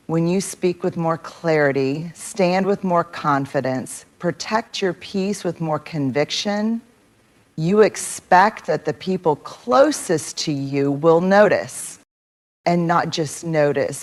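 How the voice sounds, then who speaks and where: A woman giving a motivational speech, measured and emphatic, building her points through repetition. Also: lowish voice, lively intonation. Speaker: motivational speaker.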